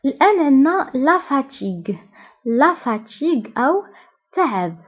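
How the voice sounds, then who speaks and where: A woman with a Moroccan Arabic accent teaching a French lesson, slowly repeating each example phrase with care. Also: sits high, sing-song. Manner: slow deliberate repetition of example phrases. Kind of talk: scripted language lesson. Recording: dull lo-fi recording.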